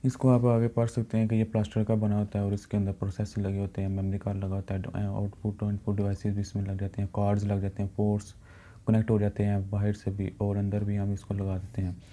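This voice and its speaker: A man with a Pakistani Urdu accent teaching computer science in a recorded lecture, explaining in plain speech and reading English definitions slowly. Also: on the low side, monotone, warm tone. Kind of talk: recorded lecture over slides.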